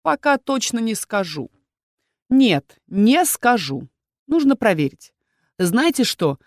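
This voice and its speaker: A woman's voice: a little high, sing-song, slow, darkish tone, no echo, clean studio sound, pitched above the performer's own voice. A woman voicing a fussy older male healer who repeats his words in a sing-song way.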